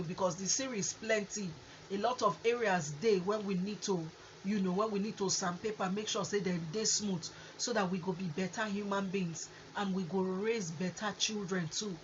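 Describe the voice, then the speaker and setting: A woman with a Nigerian accent hosting a conversational advice talk in Nigerian Pidgin, with an animated way of explaining things. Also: medium pitch. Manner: animated, acts out example exchanges. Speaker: host. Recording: muffled lo-fi audio with faint noise.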